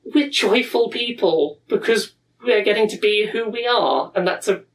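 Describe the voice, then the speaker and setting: Speaking at a pride event, a woman in her thirties recalls personal moments earnestly and reflectively, pausing and starting over as she goes. Her mid-pitched voice sounds distant, as she is far from the mic, and the audio quality is poor.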